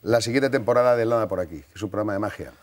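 A man's voice: fairly low pitch, very fast. A man, a TV presenter appearing as a studio guest, rambling and chuckling with many restarts. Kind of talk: TV studio interview.

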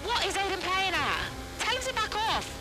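A frustrated young woman racing driver, firing back clipped, terse pit radio calls over the team radio. Her voice sits very high and swings widely. Loud game music plays behind her. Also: very animated, normal speed, poor audio. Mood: irritated. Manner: clipped and impatient. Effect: terse pit radio call over the car's team radio.

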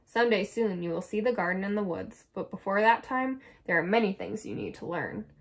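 Woman voicing a gentle mother hen, soft calm voice, reassuring, storybook. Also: medium pitch, fairly quick, lightly acted. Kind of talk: storybook read-aloud.

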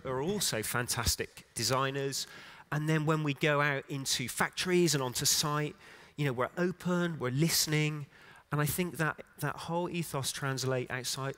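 Middle-aged male keynote speaker, mid-range voice, halting and unscripted, conference stage. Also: medium pitch, fairly bright tone. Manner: unscripted, halting, many restarts and fillers. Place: conference stage in a large hall.

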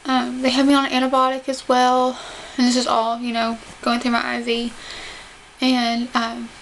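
A young woman chats to camera in a home recording with faint background noise. Her voice is high but stays flat in melody. She articulates carefully with limited jaw movement. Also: normal speed. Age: young adult. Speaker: vlogger describing surgery recovery. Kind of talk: casual talk to camera. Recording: noisy home camera audio.

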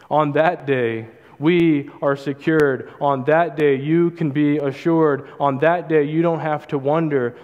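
A young man preaching a sermon as pastor, in a measured, earnest delivery with emphatic repetition. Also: a little high. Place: church stage, large hall. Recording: hall reverb, dull lo-fi sound.

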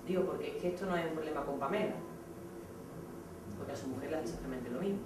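A woman in her thirties with an accent from Spain, giving a blunt, animated theatrical monologue to students. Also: sits low, quick pace, background noise. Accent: Spain Spanish. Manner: animated, blunt, acts out scenes. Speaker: speaker addressing students. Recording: echoey hall from far off.

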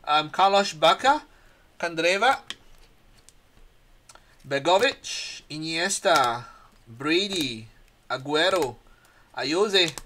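A man hosting a card break, casually reading out player names one by one, his voice a bit hoarse. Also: a little high, lively intonation, takes it slowly, sharp tone, slight background noise.

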